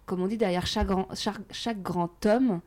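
A woman hosting a podcast, asking questions in a casual, chatty way and reacting quickly to her guest. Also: medium pitch, fairly even intonation, a little mellow. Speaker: podcast host. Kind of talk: casual conversational interview.

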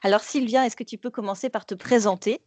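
A woman's voice: on the high side, steady tone, fast, a little mellow, no echo. A woman hosting a family travel podcast, introducing the episode and her guest in an upbeat, enthusiastic way. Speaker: podcast host. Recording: faint music behind the voice.

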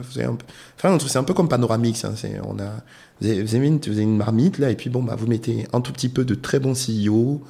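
A man from Côte d'Ivoire, speaking as an entrepreneur guest in a casual interview, explaining in a measured way with many hesitations. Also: medium pitch, creaky, warm tone.

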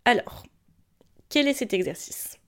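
A woman's voice: on the high side, lively intonation, a little slow, fairly bright tone, in a whisper. A woman hosting a casual solo podcast, speaking informally and motivationally to her listeners, her voice thickened and altered by tonsillitis, as if through swollen tonsils. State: sick with a throat infection. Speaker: podcast host.

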